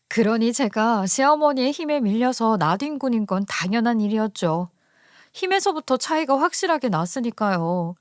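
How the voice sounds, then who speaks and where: Female story narrator, higher voice, dry sound, conversational and indignant. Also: no echo.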